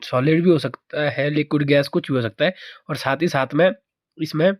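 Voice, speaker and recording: A man's voice: a little high, moderate pace, no echo. Dry close-miked male chemistry teacher. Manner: repeats key answers as questions to the viewer. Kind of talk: exam-prep chemistry lesson.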